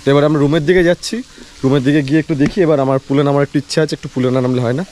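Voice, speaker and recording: A man's voice: fairly high pitch, rapid-fire, darkish tone. A man with a Bengali accent narrating a casual travel vlog, chatty and repeating phrases for emphasis. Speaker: travel vlogger. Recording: clear background noise, echo in big hall.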